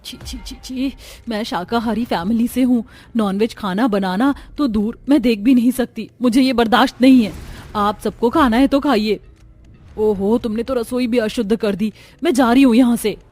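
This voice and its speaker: A woman's voice: a little high, measured pace, darkish tone, faint music behind. A woman voicing a proud, easily offended elder daughter-in-law in a cartoon story, speaking emphatically. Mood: indignant. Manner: indignant and emphatic. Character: elder sister-in-law, strict vegetarian, touchy and indignant young wife.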